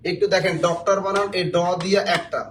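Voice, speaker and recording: Male teacher, high-pitched, quick, jokey, quizzes the class, faint background hiss. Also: little pitch movement, a bit bright. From Bangladesh. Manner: joking, quizzes the viewers. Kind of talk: spelling lesson for job exams.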